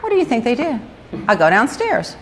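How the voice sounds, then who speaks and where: Middle-aged woman host, high voice that swings all over, chatty gossip, faint hiss behind. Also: fairly quick. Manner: animated storytelling, acts out exasperated quotes. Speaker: talk show host. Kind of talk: casual gossip chat.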